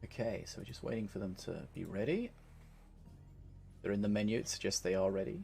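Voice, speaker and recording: A man's voice: fairly low pitch, fairly quick, gravelly, darkish tone, faint music behind. A man hosting a live esports tournament, running the schedule and teasing his co-casters with dry humor. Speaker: tournament host.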